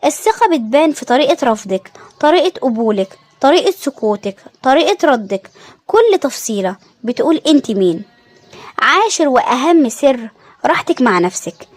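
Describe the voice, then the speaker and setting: High-voiced Egyptian woman, calm advice. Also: no room sound. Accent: Egyptian Arabic. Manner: calm, measured advice in short phrases. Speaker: narrator. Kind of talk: scripted self-help narration.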